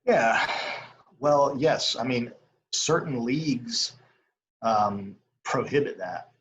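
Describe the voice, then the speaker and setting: A young man in a casual interview as an umpire, talking in a rambling, halting way full of filler phrases. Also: medium pitch, expressive, fairly bright tone, husky, poor audio. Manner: rambling, halting, frequent "you know". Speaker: baseball umpire as interview guest. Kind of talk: casual chat.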